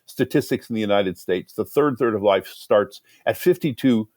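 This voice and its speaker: A man in his sixties, a guest on a podcast, talking in an animated, storytelling way that often restarts mid-sentence. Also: fairly low pitch, normal speed, no room sound, studio quality. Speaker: guest, author. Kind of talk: conversational interview.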